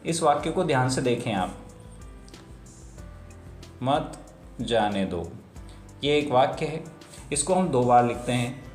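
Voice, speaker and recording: Male teacher, patient explainer, mid pitch, echoey room recording. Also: a little mellow. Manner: slow, explanatory, repeats phrases for emphasis. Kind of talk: grammar lesson. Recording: roomy echo with faint music.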